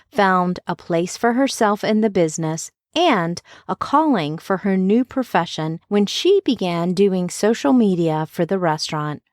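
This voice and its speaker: A woman hosts a podcast from inside a clothes closet, so the sound is close and dry with no echo. Her voice sits at a medium pitch. She opens with a scripted introduction and then moves into casual interview chat.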